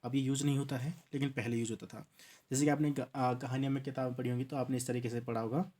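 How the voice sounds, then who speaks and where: A man's voice: medium pitch, flat delivery, fast, warm tone. Man teaching a grammar lesson. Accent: Hindi from Uttarakhand. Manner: explaining step by step, often repeating "ठीक है" and restarting words. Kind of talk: exam-prep grammar lesson.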